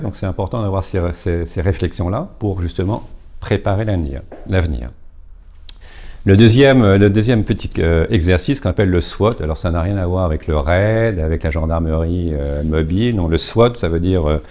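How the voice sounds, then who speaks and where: Man, very low voice, dark mellow tone, casual coaching talk, lots of fillers. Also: moderate pace. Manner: explains step by step with many fillers and repeated words. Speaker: business coach speaker. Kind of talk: informal talk at a business networking event.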